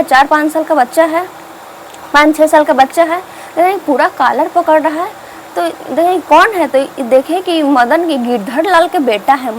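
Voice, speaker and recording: Brief: female tutor, high voice, repeats and quizzes herself while retelling a story. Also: slight background noise, low-quality recording. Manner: repetitive, asks and answers its own questions. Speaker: teacher. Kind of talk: explaining a story to students.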